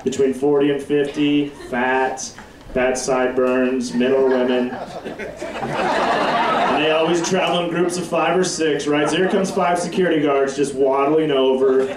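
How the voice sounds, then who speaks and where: A man's voice: medium pitch, steady tone, unhurried, noisy background. A man from Wyoming telling a brash, profane stand-up story on a comedy club stage. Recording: echoey live club recording from far off.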